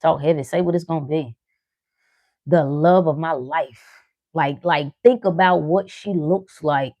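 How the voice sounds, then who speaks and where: Woman life coach, lowish voice, playful and animated, laughs often, dry close sound. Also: unhurried, no echo. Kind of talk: casual motivational talk.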